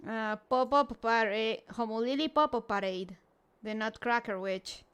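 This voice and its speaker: A woman's voice: a little high, unhurried, a bit bright, smooth. A woman hosting a casual livestream, chatting with viewers and reacting in a cute, playful anime-streamer manner. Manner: sprinkles Japanese greetings into talk. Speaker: livestream host.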